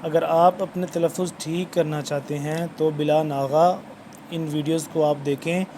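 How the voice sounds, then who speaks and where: A man's voice: on the high side, steady tone, dark tone, a little hiss or hum. A man teaching Quran reading in an online lesson, addressing viewers formally and repeating words as he explains.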